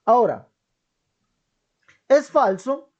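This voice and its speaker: A man's voice: very high-pitched, big pitch swings, very slow. A man giving an online Bible teaching commentary in an emphatic manner, repeating key phrases and often checking in with his listeners. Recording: dull lo-fi recording.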